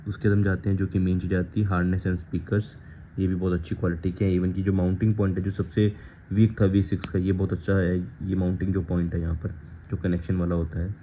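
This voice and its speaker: A fairly quick-talking Indian man with a low, even-toned voice reviews gear on his vlog, walking viewers casually through unboxing and setup. He switches freely between Hindi and English, and the recording is muffled and lo-fi with faint noise behind him.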